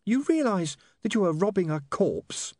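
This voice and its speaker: Prim young woman put on by a man, reproachful, higher voice. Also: big pitch swings, normal speed, warm tone, dry recording, clean studio sound.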